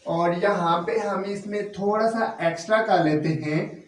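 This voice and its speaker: A high-pitched man teaches a language lesson, patiently spelling words out letter by letter. He sits some distance from the mic, and the room adds a clear echo. English terms slip in among his casual explanations. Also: a little slow.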